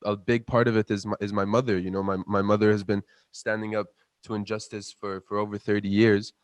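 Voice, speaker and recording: Brisk and level in tone, this fairly low-pitched young man from Palestine answers questions as an interview guest. A student entrepreneur in his twenties, he speaks earnestly and passionately, often repeating words while making his point, in a studio-quality recording with no room sound.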